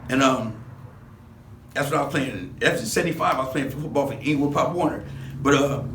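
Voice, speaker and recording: An interview guest in his sixties, a man from Los Angeles, rambles through memories in street slang with plenty of restarts. His voice is mid-range and a little fast. Background noise comes through, and the distant mic picks up an echoey room.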